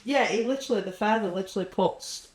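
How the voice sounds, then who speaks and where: A woman's voice: mid-range voice, quick pace, slight background noise. A young woman co-hosting a podcast, chatting playfully and sarcastically about a horror book, swearing casually. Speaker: podcast co-host. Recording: roomy echo.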